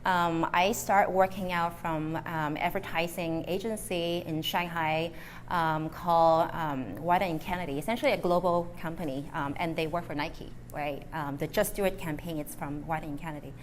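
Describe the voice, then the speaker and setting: A woman from Hong Kong speaking at a live interview before an audience, relaxed and chatty, with many fillers and small slips in English. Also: lowish voice, moderate pace, slight background noise. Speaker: guest speaker, marketing manager.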